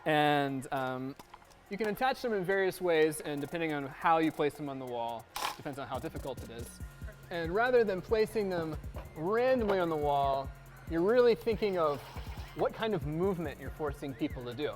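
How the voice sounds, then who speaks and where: A man sets climbing routes and calmly explains how they work, pausing now and then with fillers. His voice sits a little high, and soft music runs underneath. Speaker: climbing gym route setter. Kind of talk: explaining on camera.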